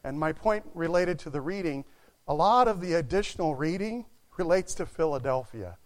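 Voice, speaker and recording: A man preaching a sermon to a church, swinging from quiet asides to loud exclamations. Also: fairly high pitch, expressive, normal speed.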